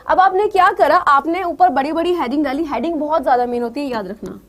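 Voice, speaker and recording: A woman teacher with a high voice gives an exam preparation lecture. She coaxes her students and keeps checking that they understand. She slips English words into her explanations. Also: a little fast.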